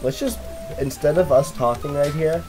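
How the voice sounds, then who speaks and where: A young man co-hosting a let's play, mostly deadpan and low-key with sudden yelps. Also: normal speed, poor audio. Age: young adult. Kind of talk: casual gaming chat. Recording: music playing behind. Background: game music.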